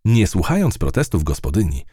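A man narrating a children's storybook in an expressive, unhurried way. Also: deep voice, no room sound, clean studio sound. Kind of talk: storybook reading.

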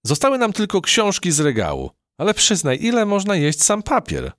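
A man's voice: high voice, huge pitch swings, normal speed, a bit bright, dry recording, clean studio sound, voice pushed up, heavily acted. A man voicing a feisty young female house mouse in a storybook reading, speaking boldly and indignantly. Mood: curious. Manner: indignant, bold, curious.

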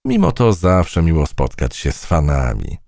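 A conceited butterfly princess from a children's story, drawling each word slowly and grandly, as a man puts her on. Her voice rises a little and swoops with lofty self-regard. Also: low-pitched, huge pitch swings, creaky, a little mellow, no room sound, clean studio sound, full character voice. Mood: haughty. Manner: slow, drawn-out and pompous. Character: vain butterfly princess, female, haughty and self-admiring.

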